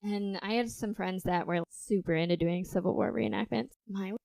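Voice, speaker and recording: A woman's voice: mid-range voice, normal speed, creaky, warm tone, no echo, low-quality recording. A young woman from western New York, co-hosting a podcast and telling ghost stories in a casual rambling way, swearing now and then. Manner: rambling storytelling with fillers and swearing. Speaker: podcast co-host.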